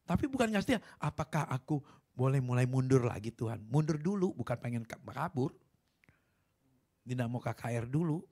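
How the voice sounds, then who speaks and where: A male pastor preaching a sermon, animated, often calling out to the congregation for claps and agreement. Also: mid-range voice, normal speed.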